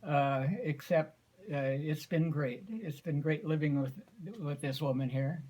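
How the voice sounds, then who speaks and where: An American man in his eighties telling a folksy, unhurried story informally to family, often clearing his throat. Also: fairly high pitch, a little mellow, low-quality recording. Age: 80s. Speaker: grandfather giving an anniversary speech.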